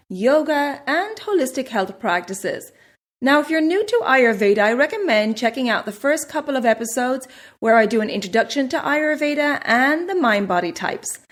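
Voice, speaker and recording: A woman hosting a podcast, reading a measured introduction and then asking her guest questions. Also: high voice, no room sound, studio quality. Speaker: podcast host. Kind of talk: scripted podcast intro and interview.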